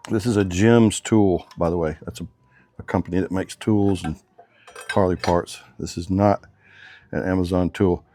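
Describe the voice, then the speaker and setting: A man's voice: low voice, steady tone, normal speed, mellow. A man working as a motorcycle mechanic who talks through a hands-on workshop demonstration in casual, drawling shop talk with slang.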